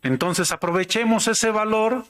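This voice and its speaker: A man giving an academic conference talk, measured and explanatory. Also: high-pitched, fairly bright tone. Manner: measured, explanatory, tells anecdotes. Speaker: lecturer.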